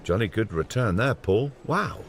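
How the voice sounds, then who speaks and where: A man's voice: fairly low pitch, animated, normal speed, a crowd in the background. A man narrating a light television show from a script, with playful, punning commentary. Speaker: programme narrator. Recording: loud music under voice-over.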